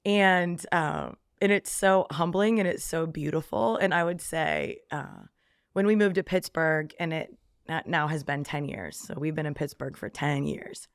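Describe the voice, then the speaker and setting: A deep-voiced woman appears as a podcast guest, sharing a reflective faith testimony at a measured pace with lively intonation. She says "um" frequently and acts out her past thoughts as quoted lines, and the studio-quality recording has no room sound.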